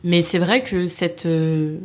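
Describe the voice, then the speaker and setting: A woman's voice: lowish voice, steady tone, takes it slowly, a little mellow. A woman from France, a podcast guest, talking in a reflective, casual way with frequent hesitations.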